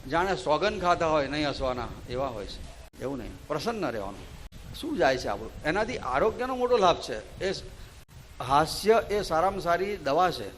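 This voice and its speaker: Higher-pitched Gujarati man giving a devotional talk. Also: a little hiss or hum. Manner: solemn invocation opening, then conversational storytelling. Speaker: religious discourse speaker. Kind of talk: devotional discourse on a hymn. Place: devotional gathering before devotees.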